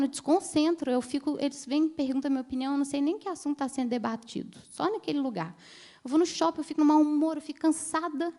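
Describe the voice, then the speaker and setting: A woman's voice: a little high, mellow. Chatty woman giving a talk. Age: 30s. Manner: chatty storytelling, addresses the audience directly. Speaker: ophthalmologist giving a conference talk. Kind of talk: conference talk.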